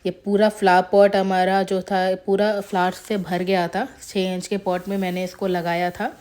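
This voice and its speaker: A woman's voice: medium pitch, little pitch movement, normal speed, darkish tone. A woman casually narrating a tour of her flowering plants as a gardening vlogger, chatty and showing each plant in turn. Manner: chatty, shows plants one by one.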